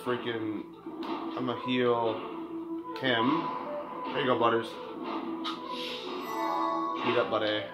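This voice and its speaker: A man plays a video game and comments casually as he goes, exclaiming and talking back to the screen. His medium-pitched voice is excitable, with game music playing behind him. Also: takes it slowly, long pauses, highs cut off. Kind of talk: casual let's play commentary. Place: room indoors in front of a TV. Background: game music and sounds.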